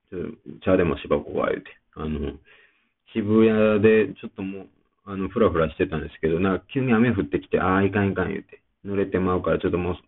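A man's voice: low-pitched, gravelly, slightly rough. A man with a Kansai accent, hosting a casual solo talk show and rambling chattily with plenty of fillers. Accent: Kansai Japanese. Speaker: podcast host. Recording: tinny phone-like sound.

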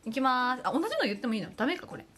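A young woman co-hosts a casual show with playful, teasing banter. Her voice sits a little high and she talks at a quick clip. Music plays clearly behind her. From Aomori, Japan. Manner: teasing, lively back-and-forth. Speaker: co-host of an amateur audio show. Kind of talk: casual playful chat, word game banter. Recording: background music under the voice.

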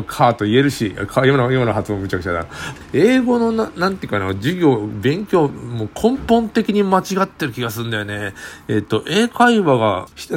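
Rambling older man with a lively voice. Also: mid-range voice. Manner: rambling, many hesitant fillers. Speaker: podcast host. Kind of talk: casual solo talk.

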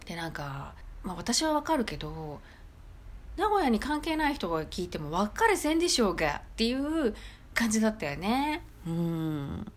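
A woman with a Nagoya accent chats casually on her solo podcast, her pitch bouncing lively up and down. She drops in frequent soft fillers and sounds amused. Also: moderate pace. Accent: Nagoya dialect. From Nagoya, Japan. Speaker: podcast host.

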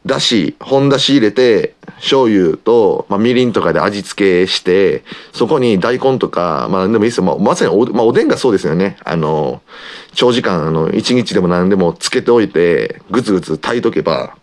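A talkative man with an Osaka Kansai accent, chatting on his own radio-style podcast. His voice sits low but swings up and down a lot as he rambles along. He keeps filling pauses as he goes. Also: animated. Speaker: podcast host, pro wrestler. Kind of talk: casual solo radio-style talk.

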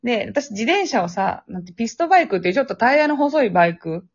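This young woman's husky, fairly high voice swings widely in pitch as she talks quickly. Co-hosting a podcast in a Kansai accent, she chats casually through a spooky story, laughing often and acting out phone voices, recorded dull and lo-fi via a phone app.

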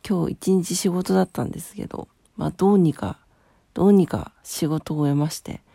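A woman hosts a casual solo show, hungover and worn out. Her voice is lowish and creaky, with a soft, mellow tone. She sounds sleepy and apologetic as she talks to her listeners. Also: a little fast, dry recording, clean studio sound. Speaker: solo audio show host and DJ.

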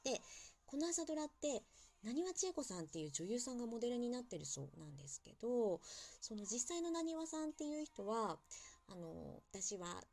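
A woman's voice: on the high side, big pitch swings, a little fast, a little mellow. A young woman hosting a casual solo talk show, chatty and self-deprecating, with playful asides. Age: young adult. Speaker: podcast host.

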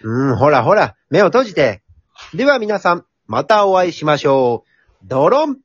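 A man's voice: on the high side, very animated, normal speed, slightly rough, no echo, dull audio. A man playing a jolly, earnest Santa Claus in an amateur comedy radio drama, polite and theatrical in manner. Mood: kindly, playful.

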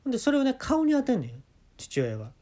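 A man with a Kansai accent telling comic stories in a solo monologue, deadpan with sudden animated jumps. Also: very high voice, fast talker. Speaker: podcast host.

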